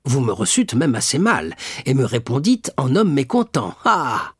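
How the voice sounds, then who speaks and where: A man's voice: medium pitch, huge pitch swings, a little slow, slightly rough, no room sound, clean studio sound, voice pushed up, heavily acted. Man voicing a frank, hearty shipowner. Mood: pleading. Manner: open, pleading, hearty. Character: frank, earnest older shipowner. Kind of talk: audiobook character reading.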